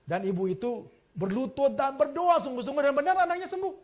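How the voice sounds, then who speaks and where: A man with a high voice preaches a sermon to his congregation. He tells stories with humor and acts out the people in them. His delivery jumps between loud emphatic lines and quiet asides. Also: brisk. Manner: lively storytelling with jokes and acted quotes. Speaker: pastor.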